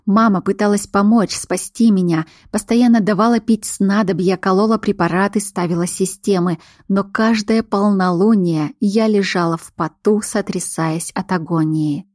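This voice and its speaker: A woman's voice: medium pitch, fairly even intonation, moderate pace, a little mellow, dry recording. Dramatic woman audiobook narrator, dry sound.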